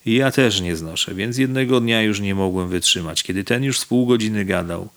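A man's voice: on the low side, normal speed, a bit bright. A man voicing a blunt, boastful, plain-spoken man who tells a bragging anecdote, in a spoken audiobook.

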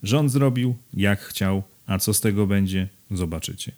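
A curt, self-important middle-aged man brushes questions aside with blunt, clipped replies, as a man reads him. The voice sits very low and plain, close to the reader's own in an audiobook. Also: a little slow, darkish tone, natural voice. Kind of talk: audiobook character reading.

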